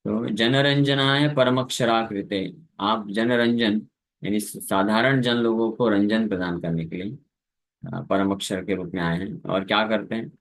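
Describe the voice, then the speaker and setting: In a fairly low, steady voice, a man gives a scripture lecture, explaining Sanskrit verses in Hindi mixed with English words. Between his spoken explanations he sometimes sings the verses slowly.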